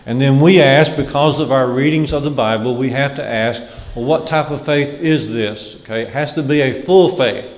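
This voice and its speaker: A man preaching a sermon in a measured way, repeating key phrases for emphasis. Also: medium pitch. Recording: echoey hall with long reverb.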